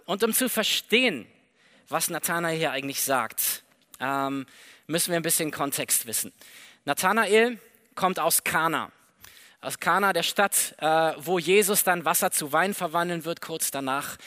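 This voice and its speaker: A man preaching a sermon in a lively, conversational way, acting out the dialogue of the story as he tells it. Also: sits high. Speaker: pastor.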